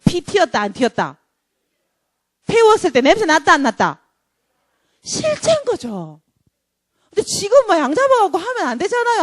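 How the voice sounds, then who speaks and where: A woman preaching a sermon in a lively, joking way, now and then acting out dramatic voices. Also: high voice, dry recording, studio quality. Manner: animated, jokey, acts out dramatic voices.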